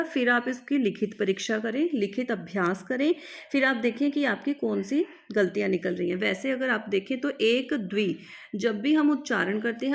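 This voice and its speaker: A woman teacher giving a patient, step-by-step lesson, drilling each word slowly and repeating it. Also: a little high, creaky. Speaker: Sanskrit teacher. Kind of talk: classroom-style lesson explaining step by step.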